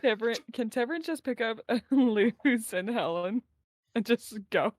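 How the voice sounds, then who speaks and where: A woman's voice: on the high side, lively intonation, measured pace. A woman chatting playfully and giggling as a player in a tabletop game. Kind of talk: casual game chat.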